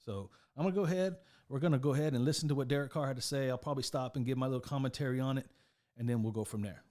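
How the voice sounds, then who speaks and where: A man's voice: medium pitch, racing, dark tone. A man giving casual commentary on a sports news video, talking in a loose, repetitive way and often tagging his points with "right?". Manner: conversational, repeats himself, keeps asking "right?".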